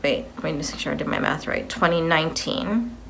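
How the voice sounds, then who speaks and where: A woman's voice: sits low, very animated, a little fast, vocal fry, fairly bright tone, a little hiss or hum. A woman in her fifties giving a personal video update, rambling as she repeats and corrects herself. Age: 50s.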